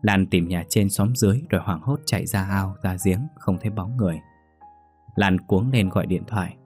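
A man narrating a folk story in a lively storytelling manner. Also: low-pitched, normal speed. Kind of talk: scripted narration. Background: faint piano music.

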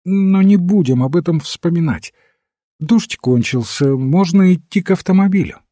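A wistful high-born lady of middle years, put on by a male reader, sighing and plaintive. The voice is lifted higher than his own, slow and husky, and the recording is close and dry. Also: expressive, warm tone, no echo. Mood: proud. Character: sorrowful aristocratic middle-aged lady, wistful.

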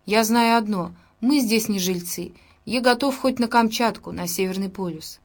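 A man's voice: high-pitched, moderate pace. A woman voicing a tired, short-tempered young husband who scolds angrily in a raised voice. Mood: stern. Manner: angry, scolding.

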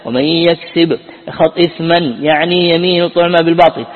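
A man reading classical Quran commentary aloud to a teacher, quick and with small restarts. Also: fairly high pitch, steady tone. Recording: tinny, echoey hall sound.

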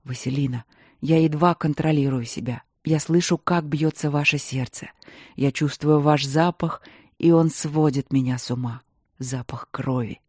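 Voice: fairly even intonation, darkish tone, no echo, studio quality, natural voice. A reader voicing a growling bear-baron. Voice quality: low, hoarse, growling. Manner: slow, strained, barely holding himself back. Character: hoarse growling baron, a grown man who becomes a bear. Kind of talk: audiobook reading.

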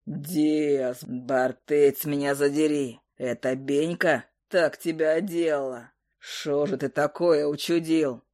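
Woman doing a deep folksy troll guy, big belly, blunt and unbothered. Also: fairly even intonation, slow, few pauses, mellow. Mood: rowdy. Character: gruff big-bellied male troll cook.

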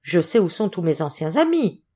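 A woman's voice: lowish voice, sing-song, moderate pace, warm tone. A woman reading the part of a shifty, grinning older male sailor who talks with insolent familiarity.

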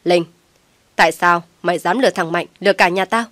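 A woman voicing a furious older mother-in-law who shouts and scolds harshly. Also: medium pitch, lively intonation, moderate pace, dry recording, lightly acted.

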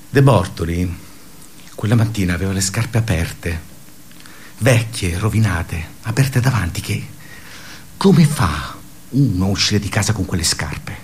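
Low-pitched and hesitant, a man plays a brooding, darkly ironic office worker in a radio theatre monologue. He speaks haltingly and conversationally, breaking into emphatic bursts, over slight background noise.

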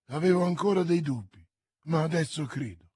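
A man's voice: fairly high pitch, normal speed, a little mellow, breathy edge, no echo, studio quality. A man voicing a zealous young puritan. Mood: convinced. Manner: feverish, pleading, exalted.

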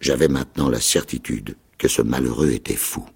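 A male actor narrating a novel in a dramatic radio reading, with expressive storytelling. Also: extremely low pitch, fairly quick, vocal fry, husky.

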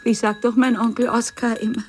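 An actress playing a neglected, pleading wife. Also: female voice, a little high, level tone, brisk, a little hiss or hum, close to an everyday voice. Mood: resigned. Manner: shifts between hushed whispers and tearful pleading. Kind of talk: radio play acting.

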